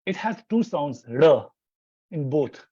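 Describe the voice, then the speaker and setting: A Hindi teacher appearing as an interview guest chats casually and rambles, with many restarts and fillers. His voice is on the high side and dark, slightly rough, slow and full of big pitch swings. The recording is dry, with the highs cut off.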